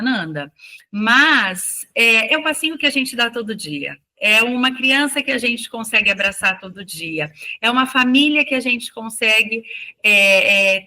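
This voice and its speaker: A woman teacher speaking as an interview guest, reflective and animated as she tells stories from her classroom. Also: fairly high pitch. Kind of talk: casual interview talk.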